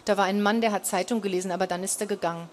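A woman's voice: medium pitch, fairly even intonation, racing, slight background noise, natural voice. A woman putting on a cheeky little girl. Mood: pert. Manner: mumbling, pert replies.

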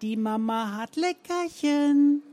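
A man's voice: animated, mellow, heavily acted. A man doing an old showman's cooing fake woman's voice. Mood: sweet coaxing. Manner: slow, cooing falsetto. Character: old man mimicking a fussy woman coaxing a dog.

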